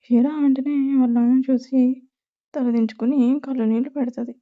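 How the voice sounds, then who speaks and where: Female storyteller, casual and chatty, slightly high voice, tinny phone-like sound. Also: fairly even intonation, brisk. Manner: plain, chatty retelling. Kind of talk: casual serial story narration.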